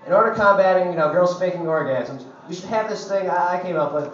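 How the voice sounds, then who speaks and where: A man's voice: high voice, fast talker. A young man doing a crude, profane stand-up set in a coffee shop, rambling with lots of "like, you know". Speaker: stand-up comedian. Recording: echoey, dull, distant camera recording.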